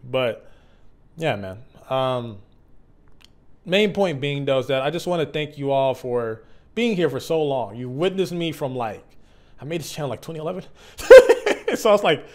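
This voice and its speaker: A man in his mid twenties talking candidly and off the cuff as a video creator, earnest and reflective, halting and conversational with slang. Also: medium pitch. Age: mid 20s. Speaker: YouTube content creator. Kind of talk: candid, unscripted personal vlog.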